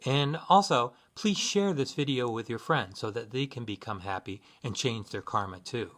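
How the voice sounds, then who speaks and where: A man giving sincere, measured spiritual guidance in a scripted instructional talk, with occasional fillers. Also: medium pitch, fairly bright tone. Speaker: Buddhist practitioner giving guidance.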